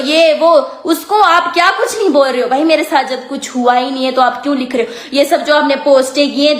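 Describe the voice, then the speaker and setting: A woman's voice: high voice, a bit bright. A woman making a defiant, insistent statement straight to camera, often checking "okay?". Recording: roomy echo.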